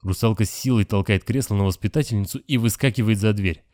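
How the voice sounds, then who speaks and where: A man reading a novel aloud as narrator, steady and measured. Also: lowish voice, no echo, clean studio sound. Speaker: audiobook narrator. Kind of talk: scripted narration.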